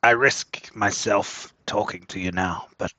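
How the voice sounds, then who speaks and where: A man voicing a nervous male goblin commoner who speaks quietly and secretively. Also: lowish voice, steady tone, measured pace. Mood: worried. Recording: dull lo-fi dry mic.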